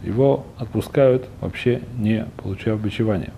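A man's voice: lowish voice, moderate pace, creaky, mellow, a little hiss or hum, poor audio. A man teaching an informal religious text lesson, often searching for words and rephrasing as he explains and translates. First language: not a fully fluent Russian speaker by own account.

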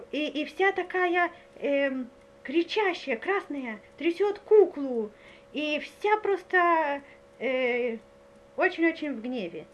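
High-voiced woman giving a spiritual lecture. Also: lo-fi sound, slight background noise. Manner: earnest, often asks listeners if they follow; hesitant with frequent filler sounds. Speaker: religious lecturer.

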